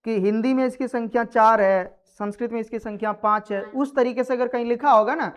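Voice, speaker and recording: A woman with a fairly high voice teaches a grammar lesson in a classroom. She keeps quizzing her students to check they understand. She scolds them sharply when they act up. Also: fairly even intonation, fairly quick.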